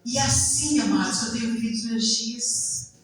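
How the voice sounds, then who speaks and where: A woman's voice: on the high side, moderate pace. A woman with a Brazilian Portuguese accent giving an emotional church testimony, often breaking into praise exclamations. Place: church hall. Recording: very echoey hall, far from mic, faint music.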